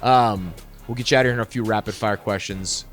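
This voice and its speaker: A man with a fairly low voice leads a casual sports interview at a fast pace. He sounds chatty and encouraging as he asks questions, with faint music behind him. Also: fairly even intonation.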